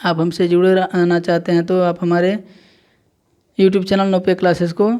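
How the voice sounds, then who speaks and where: Man, teacher, classroom lesson, patient, repetitive counting aloud, smooth clear voice. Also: high voice, completely flat delivery, normal speed, a little mellow.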